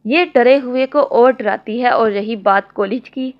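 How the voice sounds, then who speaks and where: A woman reading the lines of a possessive, doting young man in a romance novel, low and firm. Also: unhurried. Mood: tender. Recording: dull lo-fi audio.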